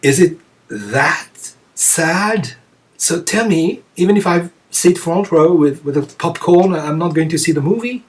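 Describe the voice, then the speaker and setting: A man giving a reflective Zen teaching talk to students, musing aloud with many pauses and soft chuckles. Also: on the high side, animated. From France. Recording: voice picked up from a distance.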